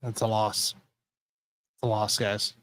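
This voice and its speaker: A man hosting a casual sports betting show, rambling and correcting himself as he tells excitable stories. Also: on the low side, slow. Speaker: podcast host.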